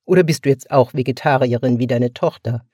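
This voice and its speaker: A man's voice: medium pitch, fairly quick, darkish tone, husky, dry recording, clean studio sound, natural voice. A man reading aloud voices a brusque, defensive younger brother who dodges questions. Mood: curt. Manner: brusque, evasive.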